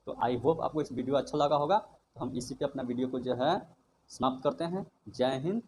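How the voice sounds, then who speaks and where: A man's voice: mid-range voice, normal speed, darkish tone, rough recording. A man teaching an English grammar lesson. He spells words out letter by letter, then asks and answers his own questions. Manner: drills each word letter by letter, asks and answers himself. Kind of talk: slow classroom-style lesson, repeating questions. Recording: faint background noise.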